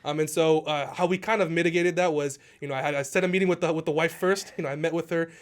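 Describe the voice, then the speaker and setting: A man with a high voice tells stories from his real estate work at a rapid clip. He speaks in a lively, casual way, acting out the people in his stories. He sounds like a guest on a podcast. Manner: animated, laughing, acts out quoted people. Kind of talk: casual storytelling.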